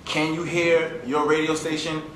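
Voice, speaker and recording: A man's voice: a little high, completely flat delivery, unhurried. Guy teaching a class, lots of "like, um", explains with everyday examples, echoey room. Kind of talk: informal lecture to a class. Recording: echoey room with faint ambient noise.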